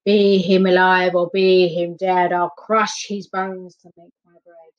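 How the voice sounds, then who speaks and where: A woman voicing a wicked man-eating giant, chanting slowly and menacingly in a storybook reading, on a dull lo-fi recording. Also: on the low side, flat delivery, close to an everyday voice. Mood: roaring.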